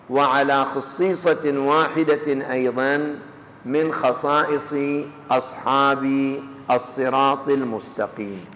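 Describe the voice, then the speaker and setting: A man delivering a Quranic exegesis lecture, measured and explanatory, restating his points. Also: mid-range voice, a bit bright, slight background noise. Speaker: religious lecturer. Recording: echoey hall with faint ambience.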